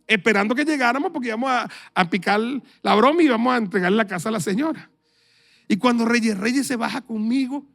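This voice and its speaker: Venezuelan preacher, middle-aged man, very high pitch, gravelly, animated storyteller who voices his characters. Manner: animated storyteller, acts out dialogue, laughs often. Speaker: pastor. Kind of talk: storytelling sermon.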